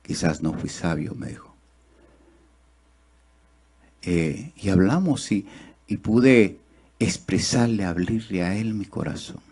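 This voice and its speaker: A man preaching a sermon to a congregation. He swings between loud, high, quick exhortation and slow, quiet confiding, and he often turns to the people with rhetorical questions. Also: lively intonation, slightly rough. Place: church.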